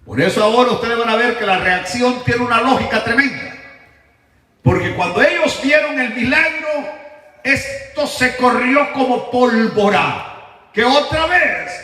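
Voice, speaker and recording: Male pastor, bright and animated delivery, dramatic sermon storytelling, echoey church hall, far from the mic. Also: extremely high pitch. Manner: dramatic storytelling, swings between shouts and hushed asides. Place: church sanctuary.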